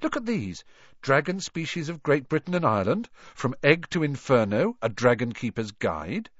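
Guy doing a blunt schoolboy, raised and blurty, flat dry sound. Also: mid-range voice, moderate pace, no room sound, muffled recording, voice pushed up. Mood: eager. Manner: blurting, exclamatory.

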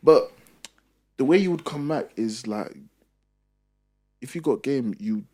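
A man's voice: mid-range voice, lively intonation, unhurried, darkish tone. A young man with a London roadman accent chatting casually in street slang, repeating his points with emphasis.

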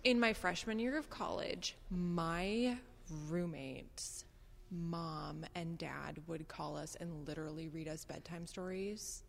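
A woman's voice: on the low side, slow, creaky. A woman joking in casual podcast chat.

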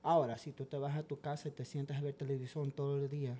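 A man's voice: medium pitch, flat delivery, fast, warm tone, a little hiss or hum. A man guest, a dog trainer, telling stories animatedly in casual podcast talk and mixing in English words.

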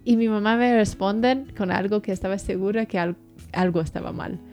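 A woman from the United States, a guest telling a lively personal story and acting out the people in it. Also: mid-range voice, normal speed, soft background music. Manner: animated, acts out the people in her story.

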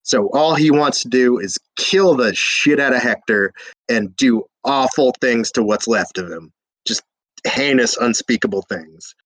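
A man's voice: medium pitch, measured pace, a bit bright, no room sound, poor audio. A drunk young man retelling an old epic in a rambling, slangy way, with hiccups and lots of fillers. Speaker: drunk storyteller.

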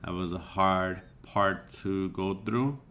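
Male podcast host, lowish voice, easygoing and reflective, chatty with fillers. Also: takes it slowly, pushed and bright, slight background noise. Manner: reflective, loose, with many "you know" fillers. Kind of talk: casual podcast chat.

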